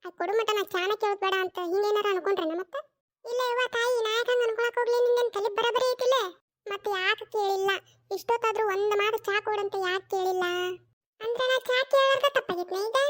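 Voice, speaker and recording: A performer doing a stubborn older cartoon mother-in-law with a North Karnataka Kannada accent, her voice pitched extremely high. She scolds in drawn-out, grumbling retorts at a quick clip. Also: a bit bright. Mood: scolding. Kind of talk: cartoon voice acting.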